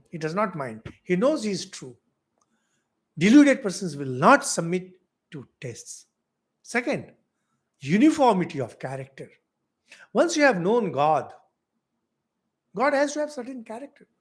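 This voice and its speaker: A middle-aged Indian man with an Indian English accent, a monk giving a spiritual lecture, asking rhetorical questions with big swings in loudness. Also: high voice. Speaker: monk teaching spiritual philosophy.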